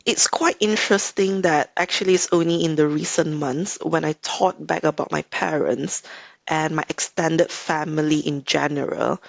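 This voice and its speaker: A woman in her thirties from Malaysia with a Malaysian accent, speaking as a podcast guest in a measured, reflective way. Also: low-pitched, vocal fry, dry recording. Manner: thoughtful, measured, frequent hedging "I think". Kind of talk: reflective interview talk.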